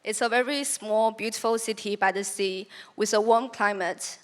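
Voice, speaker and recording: A woman's voice: mid-range voice, fairly even intonation, moderate pace. A young woman from China, a native Chinese speaker, giving a prepared talk about her photography in an earnest, reflective way with occasional restarts.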